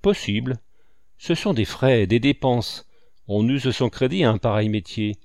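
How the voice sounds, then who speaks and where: Give me a man playing a smug, calculating swindler with a lively, expressive voice. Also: mid-range voice, measured pace, no echo, clean studio sound. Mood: warning. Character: smug shrewd male company swindler.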